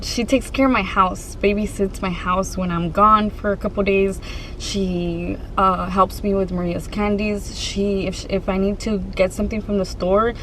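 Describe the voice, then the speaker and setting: A woman's voice: medium pitch, level tone, unhurried, fairly bright tone, poor audio. Casual woman vlogger with noticeable background noise. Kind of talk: casual storytime chat to viewers.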